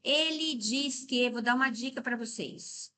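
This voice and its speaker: A middle-aged Brazilian woman teaches grammar to exam candidates in a bright, slightly high voice. She walks through each rule step by step and keeps checking in with her students. She stretches words out slowly to break them into syllables. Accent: Brazilian Portuguese. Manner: didactic, checks in often with "tá?" and "né?". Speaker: Portuguese teacher. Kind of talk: exam-prep grammar lesson.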